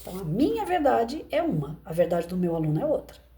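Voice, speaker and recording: Mellow-voiced Brazilian woman educator. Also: medium pitch, sing-song, quick pace. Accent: Brazilian Portuguese. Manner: conversational, explains with rhetorical questions. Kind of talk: reflective commentary on a parable.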